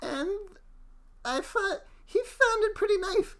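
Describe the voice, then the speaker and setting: A bratty little boy with a lisp who swings from sulking to making threats, as a woman puts him on. The voice sits high and jumps all over the place, childish and menacing at once. It is an improvised comedy bit. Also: animated, takes it slowly, fairly bright tone, heavily acted. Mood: sulky. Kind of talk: improvised comedy podcast acting.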